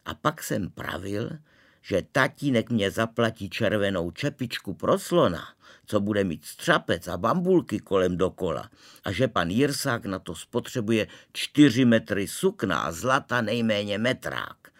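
A man reading a storybook aloud in a calm, wry, measured way, narrating as a young boy. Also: fairly low pitch. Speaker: reader.

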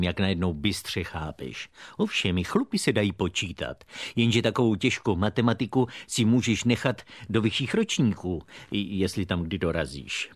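A man's voice: medium pitch, no echo, studio quality. A man playing a pompous, pedantic puppet father who lectures his son in a comic puppet theatre dialogue.

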